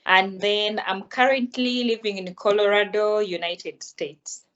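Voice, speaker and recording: A young woman answers interview questions in a calm, explanatory way. Her voice sits at a middle pitch. She is heard through dull, lo-fi video-call audio. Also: unhurried. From Uganda. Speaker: guest.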